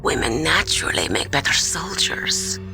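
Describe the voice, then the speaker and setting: A woman playing a seductive, cold, merciless sniper villain in a video game, taunting in a breathy purr. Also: big pitch swings, normal speed, music in the background. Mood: seductive menace. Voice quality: breathy, low.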